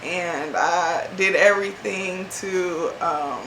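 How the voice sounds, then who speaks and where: A woman from Ohio sharing a reflective faith talk on her vlog, speaking slowly and haltingly with many pauses and fillers, emotional and near tears. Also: on the low side, roomy sound, background noise. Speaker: vlogger.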